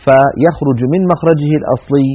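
A man gives a broadcast tajweed lesson, explaining carefully and stretching out sounds to demonstrate them. His delivery is quick and his voice somewhat husky and a little high. The audio is thin and tinny, like a phone line. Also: fairly even intonation. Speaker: Quran recitation teacher.

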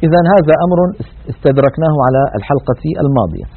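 A man teaching Quran recitation rules in a broadcast lesson, explaining in a measured way and demonstrating pronunciation. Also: medium pitch, sing-song, slightly rough. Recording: tinny band-limited broadcast audio.

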